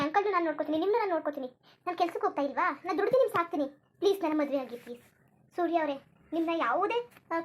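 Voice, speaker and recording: A woman voicing a lovesick, clingy young woman in a cartoon, pleading and repeating herself insistently. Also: extremely high pitch. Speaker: cartoon character. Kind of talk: Kannada cartoon voice acting.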